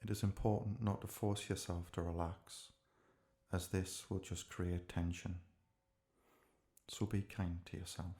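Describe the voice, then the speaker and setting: A low-voiced man gently guides a relaxation meditation. He speaks calmly and measuredly, leaving pauses between short phrases.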